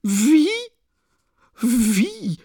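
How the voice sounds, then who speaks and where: A male audiobook reader voicing a frantic, hysterical impoverished woman who screams accusations in a high, strained falsetto. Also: level tone, normal speed, mellow, dry recording, studio quality, natural voice. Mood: hysterical fury.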